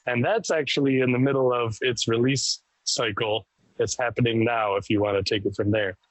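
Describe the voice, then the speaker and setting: A man in a band talks about his music in a loose, rambling interview voice. He sounds enthusiastic and mid-pitched. The recording is dry and close, with no room around him. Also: steady tone, normal speed, no room sound, rough recording. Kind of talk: casual interview chat.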